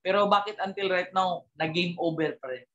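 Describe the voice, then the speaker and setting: Animated man giving a motivational talk. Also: sits high, brisk, lo-fi sound. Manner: animated, keeps asking the audience rhetorical tag questions; mixes English words into his talk. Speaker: speaker at a business team gathering.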